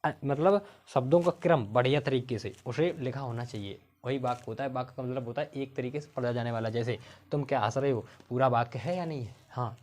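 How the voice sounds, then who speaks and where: A man's voice: medium pitch, darkish tone. A man teaching an English grammar lesson, explaining each step and often checking with his pupils whether they follow. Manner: explains step by step, asks the pupils questions again and again; slows down to spell out words.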